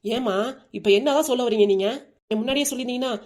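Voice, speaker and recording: A woman's voice: fairly high pitch, very fast, a little mellow, lightly acted. A woman voicing a protective older brother who argues earnestly, with a southern Tamil accent. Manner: earnest, argumentative.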